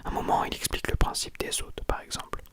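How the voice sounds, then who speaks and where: A person speaking in a hushed, breathy library whisper, telling and reviewing a book informally for ASMR. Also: fast. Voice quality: soft, breathy unvoiced whisper. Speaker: ASMR content creator.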